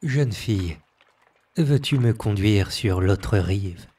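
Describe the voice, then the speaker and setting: A man voicing an imperious young emperor in an audio story reading, speaking slowly and commandingly. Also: fairly low pitch, expressive, mellow, husky, heavily acted. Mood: courteous.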